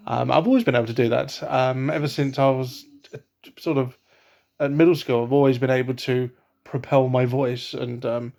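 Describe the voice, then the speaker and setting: A young Englishman records a casual vlog on his laptop webcam indoors at home. His medium-pitched voice is creaky with a darkish tone, and he hesitates a lot, full of ums and restarts.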